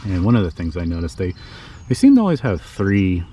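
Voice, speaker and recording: A man talking quietly, as if not to wake anyone, giving a casual narrated history tour outdoors. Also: deep voice, huge pitch swings, brisk. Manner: hushed, speaking quietly so as not to wake the neighbours. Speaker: vlog host narrating cemetery history. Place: outdoors in a small neighbourhood cemetery. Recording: slightly muffled, outdoor background noise.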